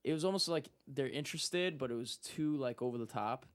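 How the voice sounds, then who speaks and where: A man's voice: mid-range voice, a little fast. A young man telling a story in casual talk, acting out what people said. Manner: animated, acts out quotes. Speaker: guest.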